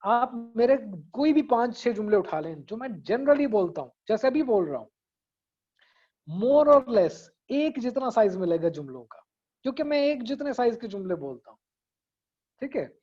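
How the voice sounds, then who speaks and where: An extremely high-pitched, very animated yet mellow male voice at a moderate pace leads an online public speaking lesson, heard through lo-fi video call audio. He talks conversationally, blends in English phrases, and often checks on students with "theek hai."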